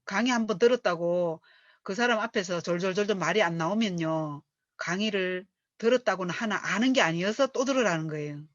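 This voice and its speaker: A middle-aged woman, reading from a book and coaching on it as a lively storyteller who acts out the speech she quotes. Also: medium pitch, brisk, dry recording. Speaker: business coach. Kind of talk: reading aloud and lecturing on a book. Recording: dull dry lo-fi recording.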